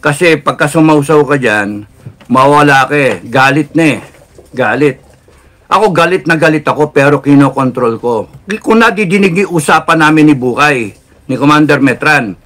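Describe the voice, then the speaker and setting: A man with a Filipino accent giving a heated political rant, mixing Tagalog and English, swinging from loud outbursts to low, controlled intensity. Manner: heated, swings between shouting and lowered intensity. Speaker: political commentator.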